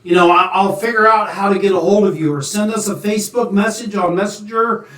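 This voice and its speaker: A male host addresses his viewers directly and in a friendly way. His voice is high for a man. He sounds set back from the mic in an echoey room. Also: brisk, sharp tone, far from the mic. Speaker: podcast host. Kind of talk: casual interview hosting.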